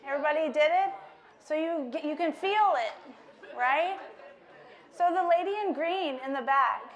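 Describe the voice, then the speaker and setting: A woman leading an interactive workshop before a live audience, lively and playful, laughing often. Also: high-pitched, measured pace, a faint crowd. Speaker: workshop speaker. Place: lecture room with a live audience.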